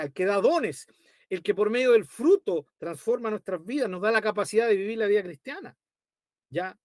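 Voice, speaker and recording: Lively, emotive man preaching. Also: sits high, no echo, clean studio sound. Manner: animated, emotive, often says "brother". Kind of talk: Bible study sermon.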